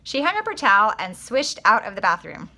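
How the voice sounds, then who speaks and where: Teacher lady reading a kids book aloud, super expressive, bright voice. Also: mid-range voice, brisk. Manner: expressive, animated.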